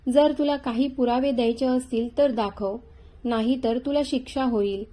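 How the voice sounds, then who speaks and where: A woman's voice: a little high, steady tone, normal speed, dark tone, natural voice, rough recording. A woman voicing a stern, mocking male police inspector in a spoken story, cold and accusing.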